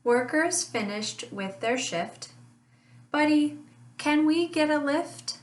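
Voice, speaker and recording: Slow, sing-song woman reading a picture book. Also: high-pitched. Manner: slow, sing-song rhyming read with lively honks. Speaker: family literacy teacher. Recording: echoey room, voice a bit far from mic.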